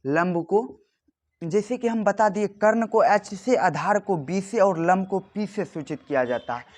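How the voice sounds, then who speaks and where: High-voiced man teaching maths. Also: unhurried, a little mellow. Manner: repeats questions and answers them himself. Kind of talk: board exam tutorial.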